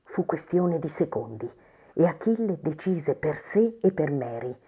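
Woman narrator, low pitch, dark mellow tone, measured expressive storybook reading. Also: husky.

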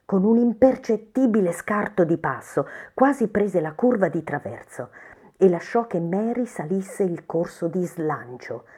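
A woman reads a story aloud in a measured, expressive manner. Her voice sits low, with a dark, mellow tone and a steady storybook narration style. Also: slightly rough.

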